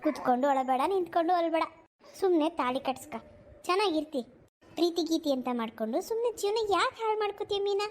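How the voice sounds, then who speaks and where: A woman's voice: very high voice, lively intonation, quick pace, a little hiss or hum. A woman voicing an anxious village mother who coaxes her daughter in a cartoon. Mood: coaxing. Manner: coaxing, scolding. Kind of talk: cartoon voice acting.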